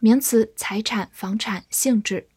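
Slow, breathy-voiced woman teaching vocabulary. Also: on the high side, darkish tone, no echo, studio quality. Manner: slow, deliberate reading for repetition. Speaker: English teacher. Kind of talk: vocabulary lesson.

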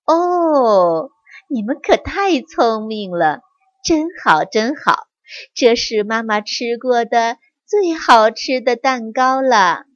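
A woman's voice: on the high side, animated, slow, fairly bright tone, dry recording. A woman voicing a kind mother mouse, affectionate and cooing. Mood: doting. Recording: dry, slightly muffled.

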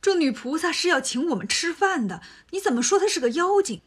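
A woman voicing a timid, pious male monk who lectures softly, sometimes half whispering. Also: very high voice, sing-song, a little fast, pitched above the performer's own voice. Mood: gently lecturing.

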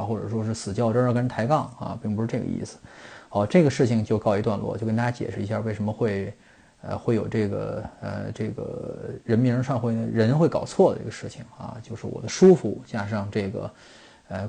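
A man's voice: on the low side, gravelly, warm tone, breathy edge. A middle-aged man from China hosting a football podcast, explaining things in a rambling monologue full of fillers and restarts.

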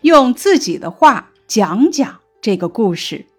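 A woman explaining a textbook lesson in a slow, measured teaching tone, lifting her voice on quoted classical lines. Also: on the high side, very animated, husky, soft background music.

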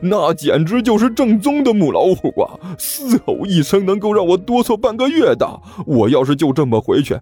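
A man voicing a whiny younger sworn brother who begs, high and fast, in a husky voice with soft music behind. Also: huge pitch swings, full character voice. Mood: pleading. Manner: high, fast, wheedling and begging.

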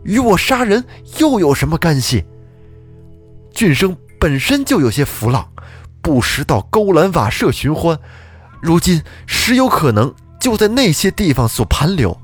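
A man's voice: a little high, big pitch swings, measured pace, breathy edge, faint music behind, pitched above the performer's own voice, full character voice. A man voicing a young adopted son who earnestly argues his innocence before a magistrate. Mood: protesting. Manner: earnest, insistent arguing. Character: young male adopted son, accused, protesting.

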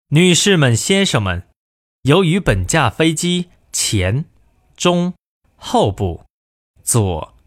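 A male language course reader reads in-flight cabin announcements aloud for a lesson, delivering them in two languages in a measured, formal manner. He speaks slowly with a lively pitch. The sound is dry and close, with no room sound.

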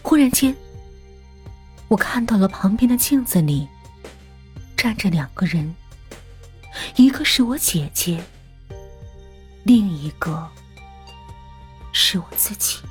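A woman narrating an audio story in a soft, unhurried storytelling manner. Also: medium pitch, lively intonation, slightly rough, soft background music.

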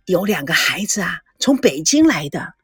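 A woman voicing a gentle, fussing elderly grandmother. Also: lowish voice, very animated, normal speed, breathy edge, dry recording, studio quality, pitched below the performer's own voice, heavily acted. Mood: doting gentle.

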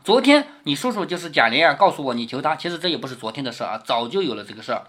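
A man reads a classic novel aloud and stops often to explain it, patient and conversational. He keeps checking in with rhetorical questions. His pitch swings widely and animatedly as he talks. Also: very animated, racing, fairly bright tone. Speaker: father reading a classic novel to his daughter.

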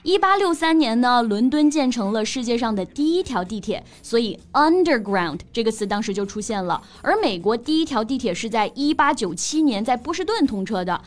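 A young woman co-hosting a bilingual English-teaching podcast, explaining words with lively emphasis and easy laughter. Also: fairly high pitch, fairly quick, few pauses. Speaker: podcast co-host.

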